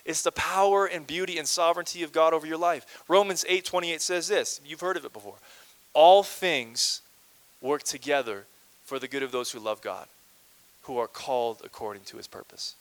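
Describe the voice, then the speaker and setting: A male pastor from Canada preaching a lively, conversational sermon with playful asides and calls to the congregation. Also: fairly high pitch, moderate pace, dry recording, poor audio.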